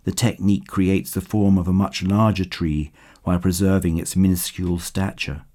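A man's voice: low-pitched, level tone, normal speed, warm tone. A man reading a short story aloud in a dry, wry narrating manner. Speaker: audiobook narrator.

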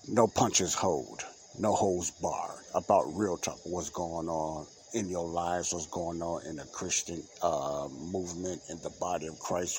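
There's a little hiss or hum behind this man's low, darkish voice as he talks on his own unedited podcast from a home mic. Congested and stuffy-nosed, he wanders through unscripted solo talk full of fillers and repetition.

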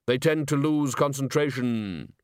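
A man voicing Death as a solemn, unhurried male figure with a deep bass voice and dry humor. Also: darkish tone, clean tone, no room sound, close to an everyday voice.

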